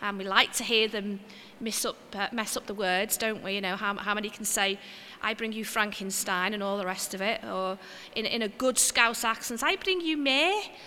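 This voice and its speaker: Bright-voiced woman preaching in a church. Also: medium pitch, steady tone, normal speed, hardly any pauses, long reverb tail, a little hiss or hum. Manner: chatty and homely, with gentle self-mocking asides. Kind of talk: informal sermon.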